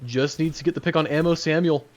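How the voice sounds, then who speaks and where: A man's voice: fairly high pitch, steady tone, fast talker, darkish tone, slight background noise. A man casting an esports match as play-by-play commentator, joking and laughing between calls. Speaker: esports caster.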